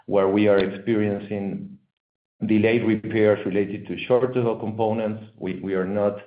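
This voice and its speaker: A man presenting company results over a conference call line that keeps cutting out, talking in a halting way and often repeating his words. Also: on the low side, level tone. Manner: halting, stumbling delivery with many repeated words. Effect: heard over a conference call line that keeps cutting out. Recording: echoey, tinny phone-like call line.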